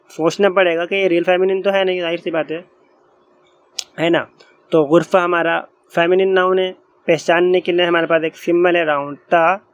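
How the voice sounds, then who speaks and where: A man teaching a grammar lesson, explaining patiently and repeating each point slowly as he writes on a board. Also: high-pitched, dry recording. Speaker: Arabic teacher.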